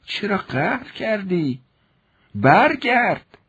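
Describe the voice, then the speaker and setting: A man's voice: high-pitched, very animated, a bit bright, slightly rough, highs cut off, pitched above the performer's own voice, exaggerated voice. Man playing a pleading old servant woman. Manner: slow, drawn-out pleading.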